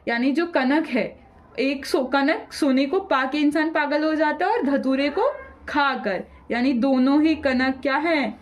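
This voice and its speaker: A woman teaching grammar, slowing down to recite verse examples and asking rhetorical questions. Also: sits high, lo-fi sound. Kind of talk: explaining grammar with poem examples.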